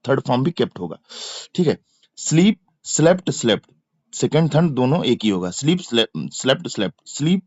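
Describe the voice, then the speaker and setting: A man with an Indian accent teaches English verb forms in an exam-prep lesson, repeating each form and spelling its letters. He speaks slowly, and his pitch leaps up and down as he drills. The recording is dry and a little dull. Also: dry recording. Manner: repetitive chanting of word forms, spelling letters aloud.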